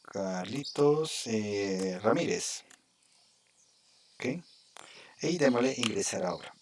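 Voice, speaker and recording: A man's voice: medium pitch, fairly bright tone, a little hiss or hum. Man teaching a live coding lesson. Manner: explains step by step, often checking in with "¿cierto?" and "¿ok?". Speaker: programming instructor.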